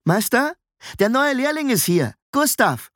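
A man voicing a cheeky blond teenage boy apprentice who grins and jokes, in a high, giggly voice. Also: animated, normal speed, a bit bright, no room sound, clean studio sound. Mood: cheeky, teasing.

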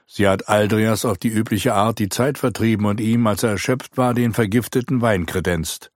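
A man voicing a resolute knight hero, speaking calmly and explaining. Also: fairly low pitch, normal speed, no echo, studio quality, pitched above the performer's own voice, lightly acted. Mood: earnest. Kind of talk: audiobook character reading.

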